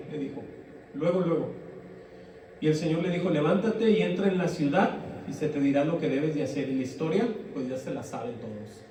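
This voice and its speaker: Pastor preaching in an echoey hall. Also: male voice, on the high side, mellow, a little hiss or hum. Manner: earnest, reads scripture aloud and explains it conversationally. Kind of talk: sermon. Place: church hall. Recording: very echoey room, voice from far off.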